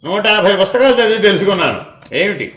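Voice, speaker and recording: A man's voice: sits high, animated, quick pace, a bit bright, roomy sound. A man giving a devotional discourse as a spiritual teacher, asking rhetorical questions and repeating refrains, sometimes dropping to a near-whisper.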